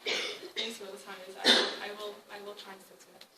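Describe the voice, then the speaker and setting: Heavy background noise surrounds this far-off, echoey recording of a young Welsh woman talking in an arts centre hall. Her voice is medium in pitch and level in tone, and she speaks fast. The talk is wry and conversational, full of restarts.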